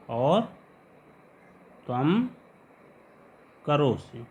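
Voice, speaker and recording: Male grammar teacher, a touch high-pitched, patient and repetitive explaining. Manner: patient, repeats each example word slowly. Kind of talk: explanatory lesson.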